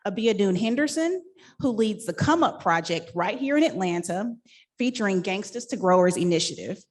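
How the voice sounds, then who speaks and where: A woman's voice: medium pitch, lively intonation, normal speed. A woman hosting and moderating a live panel discussion, reading a scripted introduction with upbeat, laughing asides. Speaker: event host and moderator.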